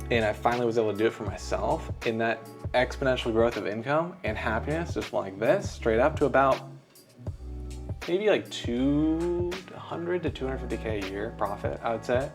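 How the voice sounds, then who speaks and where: A man's voice: mid-range voice, moderate pace, over music. A young man in a casual chat, rambling in an upbeat way and leaning heavily on fillers.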